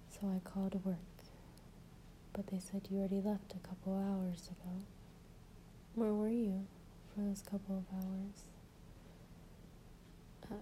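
Slow, hushed woman in whispered role-play. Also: mid-range voice, a little hiss or hum, rough recording. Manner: intimate, tender, hushed, breathy murmur as if to someone lying in her lap. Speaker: intimate partner reading poetry aloud to the listener.

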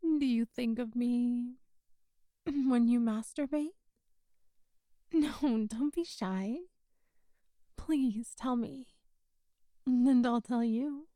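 A woman speaking softly and intimately in an audio roleplay, hushed and coaxing, sometimes dropping to a whisper, close to the mic. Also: on the high side, drawn-out words, long pauses, dry recording.

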